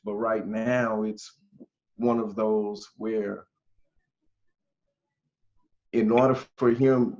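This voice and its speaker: Slow-talking earnest man in his forties. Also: fairly low pitch, a little mellow. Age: 40s. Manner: slow, earnest, thinks aloud, says "man" often. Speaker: podcast co-host. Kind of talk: casual conversation. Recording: dull lo-fi sound.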